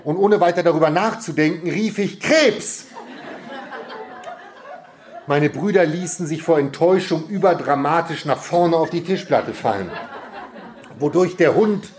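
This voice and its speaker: A man reading a humorous first-person story aloud, lively and amused, often laughing as he reads. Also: a little high, normal speed. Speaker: reader.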